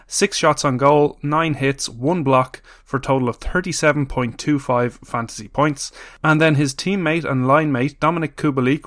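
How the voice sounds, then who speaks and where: A man's voice: mid-range voice, fairly bright tone, no echo, clean studio sound. An Irish man hosting a podcast, chatting casually with many ums and restarts, then running through player stats. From Ireland. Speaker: podcast host. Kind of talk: casual chat and stats rundown.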